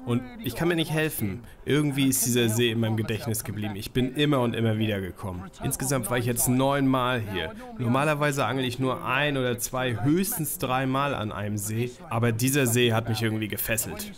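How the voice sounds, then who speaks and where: A man's voice: medium pitch, brisk, hardly any pauses, a crowd in the background. A man in his thirties narrating a carp fishing travel vlog, speaking with enthusiasm and exclaiming over big fish. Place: outdoors by a lake.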